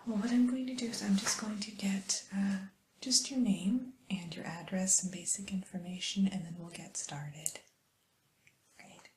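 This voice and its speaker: Female ASMR whisperer, mellow and hushed, gentle receptionist roleplay, unhurried with soft hesitations. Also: mid-range voice, fairly even intonation, rough recording. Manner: soft unvoiced whisper, slow and soothing.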